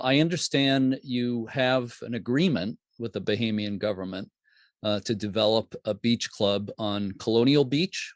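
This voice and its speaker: A man hosting a podcast, interviewing a guest over a video call in a relaxed, friendly way. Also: lowish voice, dry recording, studio quality. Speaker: podcast host.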